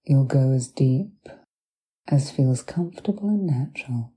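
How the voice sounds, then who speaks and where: A woman guiding a hypnosis relaxation in a soft, breathy, soothing voice that drifts into whispers, with deliberate pauses between short phrases. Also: extremely low pitch, animated. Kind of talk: guided hypnosis meditation, soft and partly whispered.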